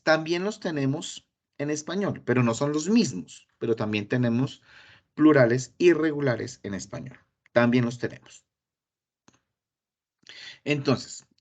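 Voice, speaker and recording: A man, an English teacher giving an online class on grammar and pronunciation, lively and repeating words for emphasis. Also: a little high. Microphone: computer mic in an online session.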